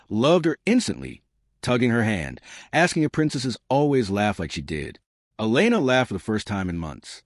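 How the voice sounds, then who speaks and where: A man's voice: lowish voice, dry recording, clean studio sound. A man narrating an emotional story for his channel in a dramatic, emotive storytelling manner.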